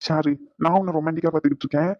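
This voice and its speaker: A woman's voice: deep voice, fairly even intonation, very fast, dry recording, natural voice. A woman voicing a weary, exasperated young husband for a cartoon. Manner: weary, pleading. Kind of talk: cartoon voice acting. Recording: dull lo-fi recording.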